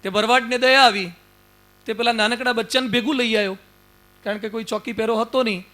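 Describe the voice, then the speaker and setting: A man's voice: very high voice, steady tone, fast, bright, forceful tone. A man preaching a sermon as a monk, telling folksy, humorous stories and urging his listeners on. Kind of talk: storytelling sermon.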